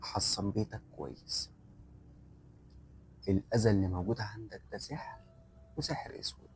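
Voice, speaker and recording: A man voicing a calm, grave elderly sheikh, speaking in a soft, measured, reassuring Egyptian Arabic voice. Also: on the low side, husky.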